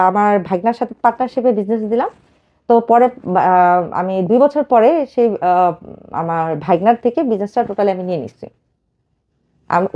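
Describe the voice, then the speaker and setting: A woman in her thirties tells her own life story to a host, fast and emotional, with many fillers. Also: mid-range voice, lo-fi sound. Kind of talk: personal life story told to a radio host.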